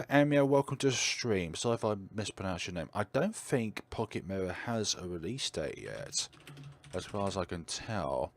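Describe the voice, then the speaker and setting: A man with a deep voice, chatting casually on a livestream with lots of fillers and a slight stutter. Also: dry recording. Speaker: streamer.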